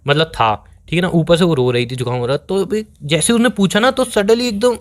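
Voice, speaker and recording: A man's voice: a little high, brisk. A man playing a boyfriend on a phone call, rambling defensively and pleading to be heard. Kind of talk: scripted couple call recording.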